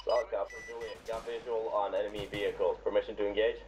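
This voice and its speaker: A man's voice: fairly low pitch, level tone, quick pace, very noisy. A man giving clipped military radio calls over a walkie-talkie during a squad game. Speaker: pilot call sign in a squad game.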